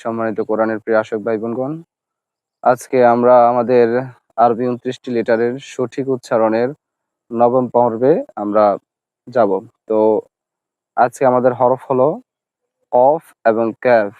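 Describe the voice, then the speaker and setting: A man teaching Arabic letter pronunciation, patiently repeating each sound slowly to demonstrate it. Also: medium pitch, flat delivery, dry recording, narrow, tinny audio. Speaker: Quran recitation teacher.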